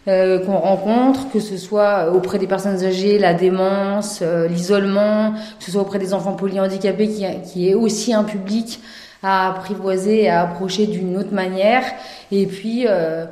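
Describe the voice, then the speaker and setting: Woman, explanatory interviewee, mellow voice, mid pitch, echoey room. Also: fairly even intonation, normal speed. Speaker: professional care-setting clown. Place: echoing room in a care home.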